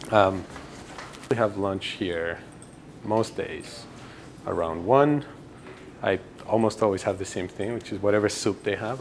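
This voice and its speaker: Speaking in a lowish voice with a faint hiss or hum on the recording, a twenty-something Ecuadorian grad student shows viewers around campus. It's a laid-back documentary-style interview, and he wanders through his thoughts, restarting often and padding with fillers.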